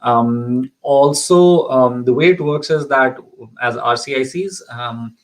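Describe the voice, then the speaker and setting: This Pakistani man takes his time, speaking slowly in a medium pitch while hosting a live immigration Q&A. He's hesitant, dropping in frequent ums and restarting his sentences.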